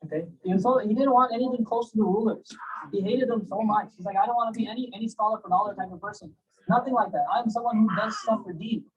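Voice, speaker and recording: A man giving a casual, animated religious storytelling lecture, often checking in with his listeners. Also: sits high, quick pace, highs cut off. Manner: animated, conversational, asks listeners "right?" and "you know?". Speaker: Islamic lecturer. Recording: distant mic, poor sound quality.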